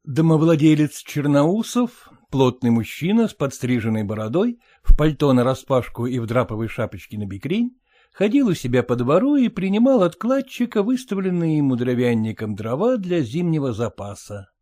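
A male narrator reading a classic story aloud in an expressive, storytelling manner. His voice is fairly high, and his intonation is lively and varied. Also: normal speed, no echo, clean studio sound.

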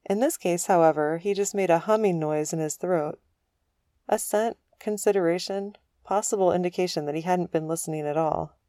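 A woman narrating an audiobook in a calm, even storytelling manner. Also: on the low side, normal speed, no room sound, clean studio sound.

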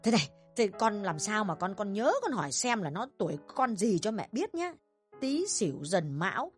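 A woman voicing a bossy middle-aged mother who scolds her grown son in rapid, shrill tirades in an audio drama. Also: very animated, soft background music, natural voice. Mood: coaxing.

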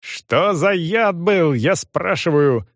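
A man voicing a rough, menacing male interrogator who bullies and threatens in a harsh tone. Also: on the high side, lively intonation, takes it slowly, fairly bright tone, dry recording, clean studio sound, pitched above the performer's own voice, heavily acted. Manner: harsh, bullying.

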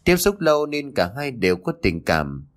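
A man narrating a story in an expressive, scripted way with a formal sign-off. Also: mid-range voice, normal speed.

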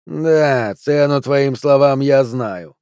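A man voicing a hot-tempered armed bounty hunter who threatens slowly and loudly. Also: mid-range voice, dry recording, studio quality. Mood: menacing. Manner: gruff, threatening, slow and loud.

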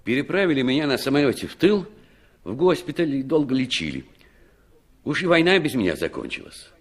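Here the same kind of role, a middle-aged ex-commander from a 1960s radio drama, is voiced at medium pitch. He looks back on surviving the war matter-of-factly and reflectively, leaving slow, expressive pauses.

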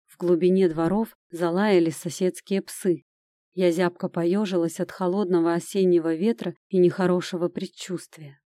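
Casting: female audiobook narrator, lowish mellow voice, measured first-person storytelling, dry close recording. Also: fairly even intonation, dry recording.

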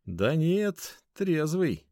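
A cynical grey colleague drops knowing remarks in a dry, wry tone, voiced by a man. His pitch sits a little high and lively, close to the mic. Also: very slow, no room sound, full character voice. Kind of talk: audiobook character voice.

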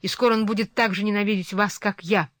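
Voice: mid-range voice, steady tone, fast, fairly bright tone, no echo, studio quality, natural voice. A reader voicing a bold, headstrong young woman who talks back defiantly, in a storybook reading.

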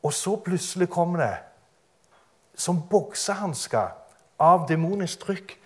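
Animated man preaching. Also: high voice, very noisy. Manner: animated, dramatic storytelling with frequent laughter. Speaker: preacher giving testimony. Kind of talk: testimony sermon.

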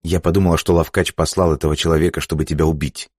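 A man reading an audiobook voices a frightened young woman who confesses in a soft, near-whispered voice and breaks into desperate cries. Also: very deep voice, level tone, quick pace, slightly rough, dry recording, clean studio sound. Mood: fearful hushed. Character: frightened young woman agent, tearful and pleading.

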